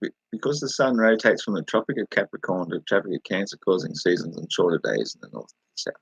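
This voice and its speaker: A man's voice: low voice, big pitch swings, fast, gravelly, breathy edge, no echo, low-quality recording. An Australian man rambling casually on a livestream, answering viewers and laughing as he talks. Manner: rambling, laughing, talking back to chat.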